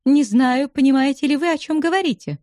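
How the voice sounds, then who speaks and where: A woman putting on a high teasing young widow. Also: lively intonation, moderate pace, a little mellow, no echo, studio quality. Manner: coquettish, bantering.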